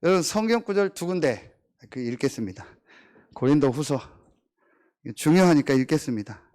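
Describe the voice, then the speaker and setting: A middle-aged man preaching a sermon as pastor, swinging between emphatic, drawn-out declarations and chatty, joking asides about his family. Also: on the high side. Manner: animated, emphatic preaching with drawn-out stressed phrases.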